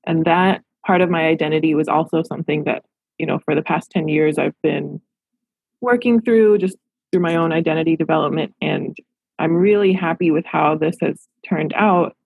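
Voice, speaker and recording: A woman's voice: deep voice, moderate pace, gravelly, darkish tone, breathy edge, dry recording, rough recording. A woman in her thirties from Los Angeles, a therapist answering interview questions in a reflective, earnest way. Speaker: therapist and practice owner.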